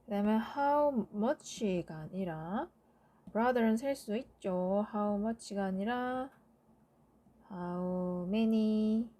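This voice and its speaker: A woman teaching an English grammar lesson at a very slow, deliberate pace. Her voice is mellow and warm, not bright. She keeps checking in with short tag questions as she works through each answer. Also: medium pitch, animated. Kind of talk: lecture explaining grammar answers.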